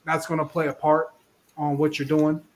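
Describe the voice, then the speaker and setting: A man's voice: fairly high pitch, monotone, normal speed. A man, talking casually and animatedly, repeating himself as he makes his points on a video call. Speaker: podcast co-host.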